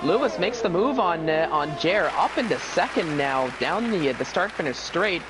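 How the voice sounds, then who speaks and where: A man's voice: on the high side, lively intonation, moderate pace, low-quality recording. A man working as a motorsport co-commentator, giving live race analysis in a hesitant, conversational way. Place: esports race broadcast commentary.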